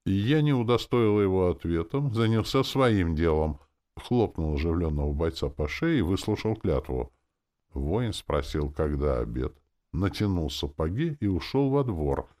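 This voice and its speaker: A man's voice: deep voice, sing-song, normal speed, a little mellow. A man narrating a fantasy audiobook in the first person, dry and offhand in tone.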